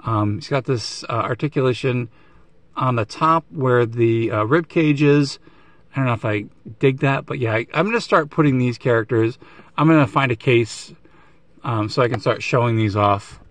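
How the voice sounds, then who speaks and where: A man's voice: medium pitch, moderate pace. Guy chatting thru a toy review, lots of ums and restarts, medium voice, dry no-echo audio. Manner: rambling, lots of fillers and self-corrections. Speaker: action figure reviewer.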